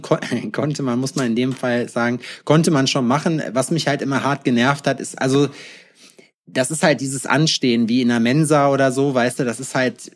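A young man hosting a podcast in casual, joking chat, telling animated stories. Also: mid-range voice. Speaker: podcast host.

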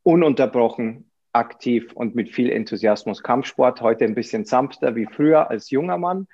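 A man's voice: medium pitch, normal speed, a little mellow, lo-fi sound. A man speaking as a podcast guest, self-mocking and laughing easily in casual interview talk.

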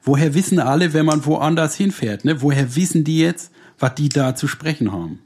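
A man in casual comic banter, asking mock-naive questions in a deadpan way. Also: a little high, fairly quick, husky.

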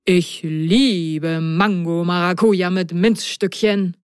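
A woman voicing a grumpy middle-aged driver in a storybook reading, talking in a gruff, plain way. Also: medium pitch, steady tone, a little slow, no echo, clean studio sound, faint music behind, lightly acted. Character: grumpy middle-aged man softened by candy.

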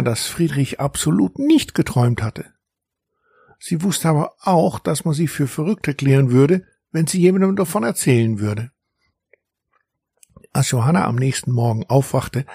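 A man reading a children's story aloud in an expressive storytelling manner. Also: mid-range voice, breathy edge, no room sound, clean studio sound. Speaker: narrator.

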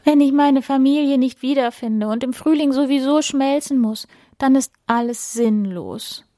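A woman's voice: high voice, normal speed, warm tone, no echo, studio quality, voice pushed up, lightly acted. A woman voicing a small, sad female snowflake in a children's bedtime story, whiny and pleading. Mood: sobbing.

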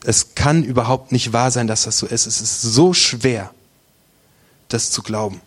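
A man's voice: medium pitch, a little slow, slightly rough. A man preaching, telling his own faith story earnestly and intimately, at times dropping to a near whisper. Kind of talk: testimony sermon.

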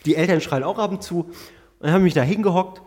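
A man with a slightly high voice tells a comic story, animated and exasperated, with frequent laughter. His voice rings in a reverberant room that carries a long tail after each phrase. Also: quick pace, breathy edge. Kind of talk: comic anecdote telling.

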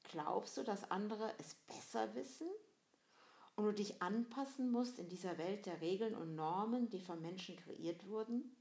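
A woman's voice: mid-range voice, a little slow, vocal fry, darkish tone. A woman giving a reflective motivational monologue, asking the listener direct questions in a conversational way with frequent fillers. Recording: roomy echo.

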